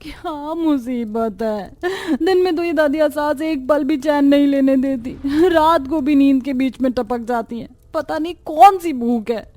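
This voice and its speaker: A woman's voice: high-pitched, a little slow, dark tone, dry recording, soft background music, pitched above the performer's own voice. Woman voicing a fed-up young daughter-in-law. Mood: grumbling. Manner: exasperated, complaining.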